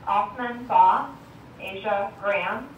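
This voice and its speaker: A woman making a school intercom announcement, reading out a list of names over the loudspeaker. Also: mid-range voice, slow pace, highs cut off. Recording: echoey distant loudspeaker with faint hiss.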